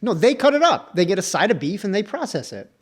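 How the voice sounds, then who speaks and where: A man's voice: high voice, very animated, fast talker, husky. A man co-hosting a podcast in casual chat, teasing his friend with mock-serious jokes. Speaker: podcast co-host.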